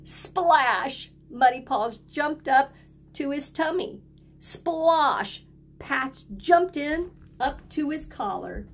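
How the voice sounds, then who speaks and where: A high-pitched, animated woman reads a picture book to children the way a teacher might. She uses simple, deliberate phrasing and encourages the young listeners to join in by repeating words after her.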